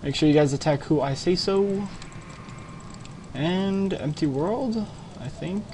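A man's voice: high voice, lively intonation, slow pace, a little mellow, a little hiss or hum. A young man leading a clan in an online game, giving short repeated commands and live commentary into a headset mic. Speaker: clan leader giving orders.

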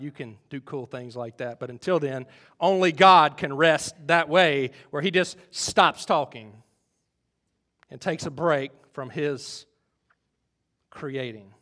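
Animated preacher, fairly high voice. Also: male voice. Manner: animated preaching, swings from loud to hushed. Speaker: pastor. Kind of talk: sermon.

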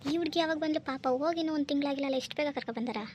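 A woman doing a gruff mocking father-in-law. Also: high-pitched, rapid-fire, darkish tone, a little hiss or hum, close to an everyday voice. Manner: gruff, mocking bickering with his wife. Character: grumbling middle-aged father-in-law, man.

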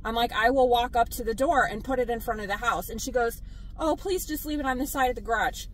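A woman's voice: on the high side, fast talker, slight background noise, poor audio. Exasperated woman venting in her car. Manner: exasperated, blunt, animated storytelling. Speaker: delivery driver vlogger. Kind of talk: casual vlog venting to viewers.

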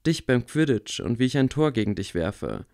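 A man reading a calm, wry blind boy wizard. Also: mid-range voice, moderate pace, vocal fry. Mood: earnest. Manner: quiet, level.

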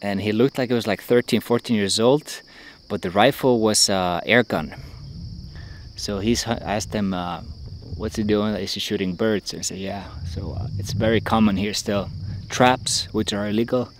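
A young man vlogging with a handheld camera outdoors, talking in a chatty, excitable way and laughing often. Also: on the low side, moderate pace, a little hiss or hum. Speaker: travel vlogger. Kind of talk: casual travel vlog narration. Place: outdoors in rural hills and an open-air bamboo restaurant. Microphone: handheld action camera at arm's length.

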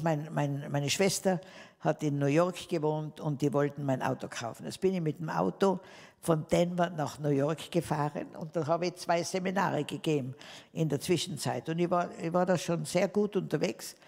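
A woman tells her life testimony to an audience, animated and warmly direct as she speaks to them. Her voice has a gravelly, creaky edge. The sound rings with long reverb from a large hall. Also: low voice. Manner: lively storytelling, addressing listeners as dear ones. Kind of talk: spoken testimony to a live audience.

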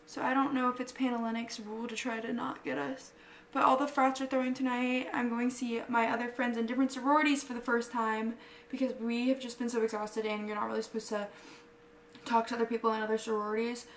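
Bubbly college-age female vlogger, sorority-girl chattiness, higher-pitched voice, roomy sound. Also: flat delivery, fast talker, recorded from a distance. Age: early 20s. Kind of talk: casual get-ready-with-me vlog chat. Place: small echoey rooms in an apartment and house. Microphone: handheld or propped vlog camera. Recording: roomy echo, faint background noise.

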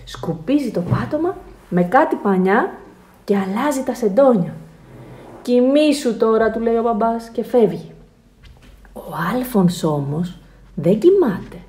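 Expressive woman reading a children's story. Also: a little high. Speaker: children's book reader and translator. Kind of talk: reading a children's picture book aloud.

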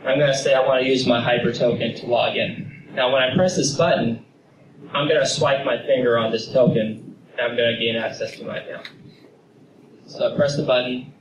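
A man's voice: medium pitch, steady tone, a little fast, highs cut off. A young man giving a confident tech presentation with a handheld microphone in an office meeting room. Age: young adult. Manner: confident, explanatory, casual fillers. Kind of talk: conference talk with demo. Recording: roomy, distant camera audio with noise.

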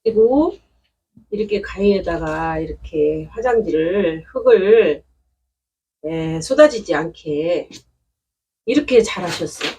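A woman's voice: lowish voice, animated, takes it slowly, pauses often, mellow, breathy edge, far from the mic, low-quality recording. A woman unboxing succulent plants at home in a chatty, delighted way, exclaiming often. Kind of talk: casual unboxing commentary. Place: indoors at home.

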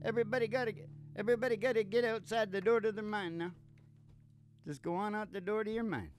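A man in his sixties, a host and country singer, delivers playful, theatrical, rambling folksy radio patter into a stand microphone on a small curtained indoor stage. His voice is high-pitched and quick, and an acoustic guitar plays behind him in this live recording.

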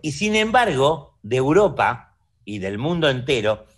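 Joining a conversational interview by webcam from a room at home, an Argentine artist in his fifties reflects aloud in an Argentine Spanish accent and regularly checks in with the listener. His mid-range voice is husky, very animated, and unhurried.

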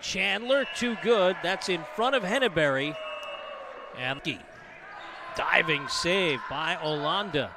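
A man calling play-by-play for a college volleyball match, brisk and rising to shouts on big plays. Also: sits high, vocal fry. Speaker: play-by-play commentator. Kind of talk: live volleyball commentary. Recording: noisy arena broadcast feed. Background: gym ambience and ball bounces.

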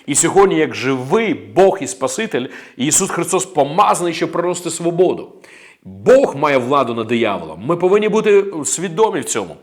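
A man's voice: on the high side, very animated, a little fast. A man preaching a sermon as a pastor, emphatic and declaring, breaking in with amens and praises.

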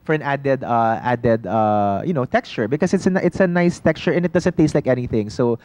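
A man's voice: mid-range voice, fairly quick, darkish tone. A man, a shop owner and studio guest, patiently explaining health foods in casual chat, often saying "you know" and restarting his sentences.

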